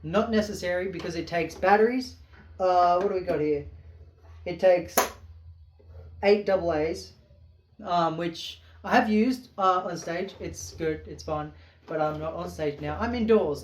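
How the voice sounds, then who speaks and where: A man's voice: sits high, moderate pace, far from the mic, a little hiss or hum. A man casually reviewing keytars in his small home studio, rambling and enthusiastic, with many fillers. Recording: roomy studio with keyboard music behind.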